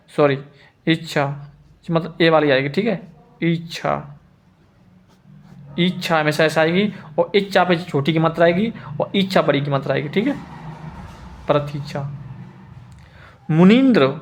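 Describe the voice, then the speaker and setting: A man teaching a Hindi spelling lesson who repeats each word slowly and keeps checking that his students follow. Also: fairly high pitch.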